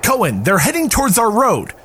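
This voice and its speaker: A woman's voice: mid-range voice, wildly swooping pitch, brisk, a bit bright, a little hiss or hum. A woman acting a watchful lookout in an audio drama, reporting in an alert, clipped way. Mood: tense, watchful. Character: tense, watchful female lookout reporting threats.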